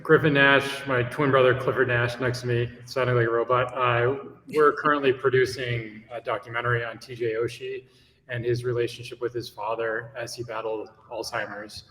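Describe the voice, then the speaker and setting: A man's voice: medium pitch, little pitch movement, moderate pace, sharp tone, reverberant, long reverb tail, poor audio. A man, a documentary filmmaker, introducing himself casually on a panel.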